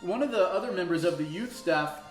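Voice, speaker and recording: A man's voice: high voice, lively intonation, fairly quick. A man in his thirties, a campus pastor, telling stories casually in an interview and laughing at himself. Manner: storytelling, laughs often, self-deprecating. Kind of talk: casual interview over food. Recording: echoey room with faint music.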